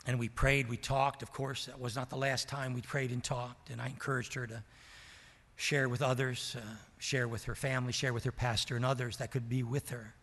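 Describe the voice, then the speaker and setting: An older man preaching a sermon, telling a story with passion and swinging from loud to hushed. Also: mid-range voice, flat delivery, normal speed. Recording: long reverb of a large hall.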